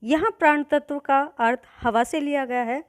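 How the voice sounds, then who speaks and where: A woman's voice: sits high, moderate pace, dry recording, studio quality. A woman teaching an exam-prep grammar lesson, methodically spelling out sounds one by one.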